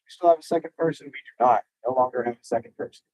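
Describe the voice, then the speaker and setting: A man giving casual live commentary as a storm chaser, in an offhand but excitable way, over a phone stream. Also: medium pitch, very fast, dry recording. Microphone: phone livestream. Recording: muffled, lo-fi mobile livestream.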